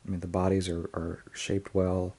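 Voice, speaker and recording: A man's voice: deep voice, completely flat delivery, normal speed, dark tone, husky. A man casually reviewing and unboxing a tarot deck, hesitant, with frequent ums and restarts.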